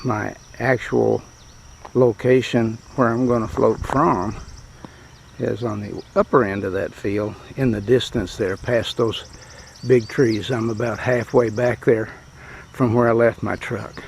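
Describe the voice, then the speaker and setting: A man's voice: mid-range voice, steady tone, creaky, slight background noise. Matter-of-fact man outdoors by a creek. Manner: plain, matter-of-fact, unhurried. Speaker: fishing vlogger. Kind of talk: casual outdoor narration. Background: insects and countryside ambience.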